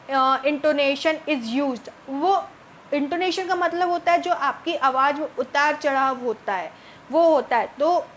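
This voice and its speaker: A high-pitched woman teacher runs an exam-prep lesson on multiple-choice questions, with slight background noise. She reads the English options slowly, then explains in Hindi, asking her students rhetorical questions along the way.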